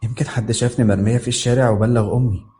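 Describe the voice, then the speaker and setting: A man's voice: mid-range voice, steady tone, racing, mellow, slight background noise. A man with an Egyptian accent giving a dramatic, tense scripted narration of a horror story. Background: faint background music.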